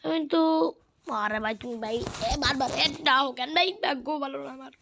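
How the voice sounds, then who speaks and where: Excitable gamer woman, fairly high voice, faint hiss behind. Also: fairly quick, vocal fry. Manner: excitable, keeps saying "bhai". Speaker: gamer streamer. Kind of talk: casual gameplay commentary.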